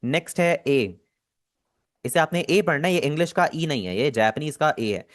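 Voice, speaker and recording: Male tutor, slightly high voice, patient and repetitive, online class. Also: expressive. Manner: explains patiently, repeats words slowly for students. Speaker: Japanese language teacher.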